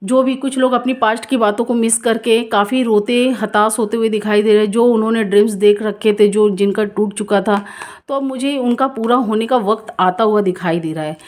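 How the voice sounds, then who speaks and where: A woman's voice: on the high side, steady tone, normal speed, darkish tone. A woman doing a casual, reassuring tarot reading for viewers, repeating herself and mixing in English words. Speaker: tarot card reader.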